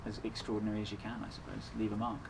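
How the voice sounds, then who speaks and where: A man with a fairly low voice talks casually as a guest in an interview. His way of speaking is earnest and reflective. Clear ambient noise sits behind his voice. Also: completely flat delivery, racing. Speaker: endurance runner, interview guest. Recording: clearly noisy ambient background.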